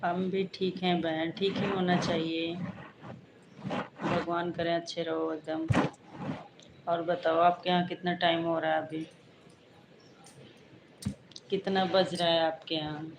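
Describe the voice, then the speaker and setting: Low, flat-voiced woman hosting a livestream. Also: slow pace, pauses often. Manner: greets viewers by name and answers their comments. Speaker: livestream host. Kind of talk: casual live chat with viewers. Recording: echoey room with background noise.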